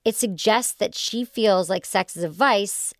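A woman's voice: medium pitch, a little slow, dry recording, clean studio sound. A woman from Michigan with a Great Lakes American accent, chatting casually and frankly as a podcast host giving advice. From Michigan, United States. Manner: informal, frank.

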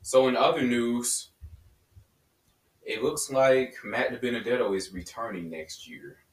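A man co-hosting a casual motorsport podcast, giving relaxed, matter-of-fact opinions. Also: mid-range voice, unhurried. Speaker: podcast co-host. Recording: roomy, distant mic.

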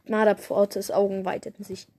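A woman's voice: medium pitch, little pitch movement, normal speed, creaky, mellow. Young woman casually reading her fan story. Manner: casual, stumbles and self-corrects. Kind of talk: reading her fanfiction aloud.

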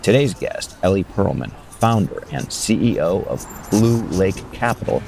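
A man's voice: sits low, lively intonation, unhurried, vocal fry, darkish tone, a little hiss or hum. An older man hosting an interview podcast, opening with an announcer-style intro and then chatting casually with a guest. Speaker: podcast host.

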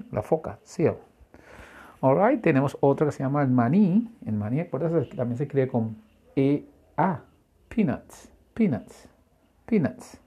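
Male English teacher, husky and mellow, patient, spells words out letter by letter. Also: mid-range voice. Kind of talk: language lesson.

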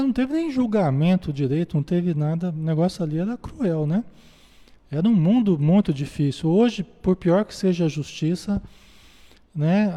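A man's voice: fairly high pitch, dark tone, long reverb tail. A man with a Brazilian Portuguese accent leads a Spiritist study group. He reads passages from a book and comments on them conversationally, ending most phrases with a questioning tag and speaking directly to his listeners. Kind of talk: reading a book aloud and commenting on it.

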